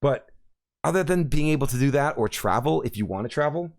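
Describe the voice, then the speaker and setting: A man's voice: mid-range voice, animated, fairly quick. Rambling man telling a story. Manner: rambling storyteller, many fillers. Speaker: podcast host. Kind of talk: casual chat.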